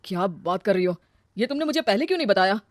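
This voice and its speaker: A woman voicing a smooth-talking young man who turns cold and selfish, in a cartoon story. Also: mid-range voice, animated, quick pace, dry recording, clean studio sound, lightly acted. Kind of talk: cartoon voice acting.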